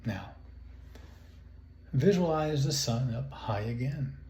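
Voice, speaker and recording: Calm and measured, a man talks listeners through a guided relaxation meditation, pausing at length between soothing phrases. He's a guided imagery and relaxation instructor with a medium-pitched voice, recorded in an echoey space with faint noise.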